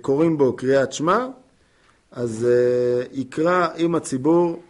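A man gives a Torah class in a plain middle-pitched voice. He explains the law patiently, stopping often on fillers before he finds the next point. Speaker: rabbi teaching halakha. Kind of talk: torah lesson.

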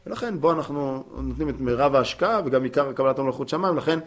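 A man gives a Torah class in a plain middle-pitched voice. He explains the law patiently, stopping often on fillers before he finds the next point. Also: animated. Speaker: rabbi teaching halakha. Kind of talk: torah lesson.

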